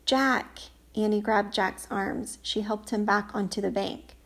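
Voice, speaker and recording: A woman's voice: mid-range voice, completely flat delivery, unhurried. A woman reading a children's storybook aloud, lifting her voice for the characters' lines. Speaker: audiobook reader. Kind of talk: storybook narration.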